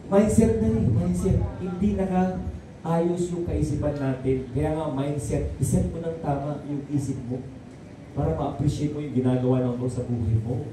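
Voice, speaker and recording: High-voiced preacher in an echoey hall. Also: male voice, steady tone, moderate pace, recorded from a distance, noisy background. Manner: rousing, calls for amens and applause. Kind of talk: sermon. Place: church hall. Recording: very echoey hall, heard from afar.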